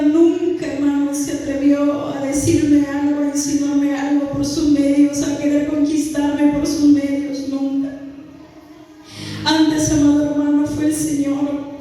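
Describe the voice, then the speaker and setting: A woman with a high, mellow voice gives a fervent church testimony at an unhurried pace, her phrases often lifting into a sung cadence. She is heard from far off in a big, booming hall, with soft music underneath. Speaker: church member giving testimony.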